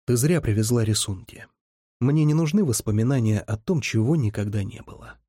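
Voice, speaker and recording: A reserved young ruler with a dark, husky voice and curt, dry lines, as a man reads him. The sound is close and dry, with no room around it. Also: mid-range voice, brisk, dry recording, lightly acted. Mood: guarded. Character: young male ruler, guarded and dry-humored. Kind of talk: audiobook character reading.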